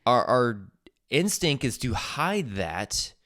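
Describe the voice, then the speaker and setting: A man's voice: mid-range voice, very animated, slow, a bit bright. Guy co-hosting a chatty parenting podcast, emphatic, keeps restarting and repeating himself. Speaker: podcast co-host. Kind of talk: casual chat.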